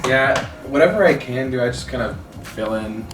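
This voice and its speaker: A man's voice: medium pitch, lively intonation, normal speed. A young man, a student, talking modestly about his part in the team in a casual interview. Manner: modest, self-deprecating. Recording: roomy, distant, music.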